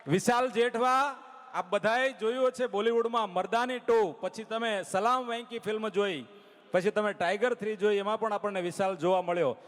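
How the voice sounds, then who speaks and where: A man's voice: high voice, normal speed. A man telling jokes on stage as a comedian, spinning stories and urging the audience to clap. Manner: storytelling, urges audience to applaud. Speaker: stand-up comedian. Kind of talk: live stage joke-telling. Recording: long hall reverb.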